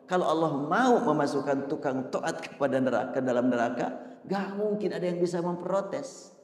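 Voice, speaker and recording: A man preaching a sermon in a mosque hall, swinging from loud emphasis to a hushed, near-whispered delivery. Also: mid-range voice. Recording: echoey hall with long reverb.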